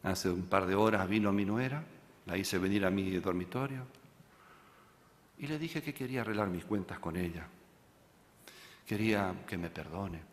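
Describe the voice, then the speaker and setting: Animated pastor preaching in a reverberant hall. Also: male voice, deep voice, moderate pace, pauses often. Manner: animated storyteller, acts out dialogue, shifts from loud to hushed. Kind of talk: sermon with storytelling.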